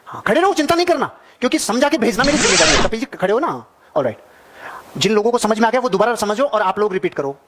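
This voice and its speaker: High, fast-talking male seminar speaker. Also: lively intonation, heavy background noise. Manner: emphatic, repetitive, addresses audience directly. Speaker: motivational speaker. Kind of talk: seminar speech to a live audience.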